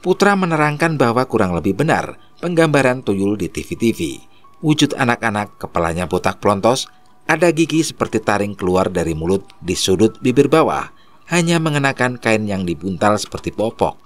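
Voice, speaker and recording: A man narrating a horror story in a steady storytelling manner. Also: fairly low pitch, moderate pace, faint music behind.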